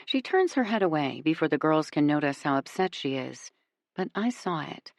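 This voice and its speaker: A woman narrating a first-person audiobook in a measured, intimate way. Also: low-pitched, sing-song, no room sound. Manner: measured and intimate, voicing each character.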